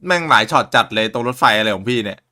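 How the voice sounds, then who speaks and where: A man's voice: medium pitch, lively intonation, very fast, pushed and bright. A man live-streaming a watch party, chatting casually with loose, crude, joking banter.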